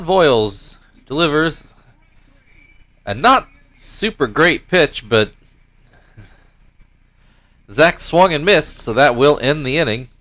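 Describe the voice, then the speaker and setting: Over a baseball video game from his own league, a young gaming YouTuber with a blocked nose chats casually in a fairly bright, middle-pitched tone. He drifts between self-correcting, rambling comments and pretend play-by-play calls.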